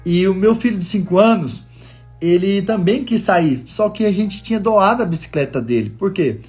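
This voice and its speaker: A man's voice: sits high, animated, moderate pace, a little mellow, husky, faint music behind. A male pastor preaching a sermon, telling a family story in an earnest, encouraging way. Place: living in the United States.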